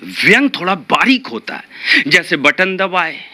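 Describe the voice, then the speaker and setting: Animated man telling comic stories. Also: high-pitched, measured pace. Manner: animated, repeats lines for comic effect. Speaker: stand-up comic poet. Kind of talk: stand-up comedy storytelling.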